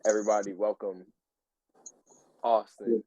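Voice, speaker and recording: A man's voice: fairly low pitch, a little slow, no echo, dull audio. A young man co-hosting a casual podcast, telling tall tales with a straight face. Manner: playful, tells tall tales deadpan. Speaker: podcast co-host. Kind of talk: casual joking chat.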